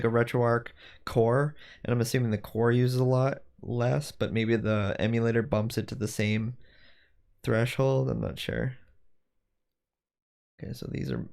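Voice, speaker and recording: Speaking in a mid-range voice with vocal fry, this man chats casually on a livestream as he works on 3D design. His talk rambles, and he thinks out loud and catches his own mistakes along the way.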